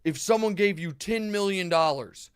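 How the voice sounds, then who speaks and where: A man hosting a casual sports talk show, emphatic and animated, often restarting his sentences. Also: high voice, moderate pace, clear, resonant tone, dry recording, clean studio sound. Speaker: host.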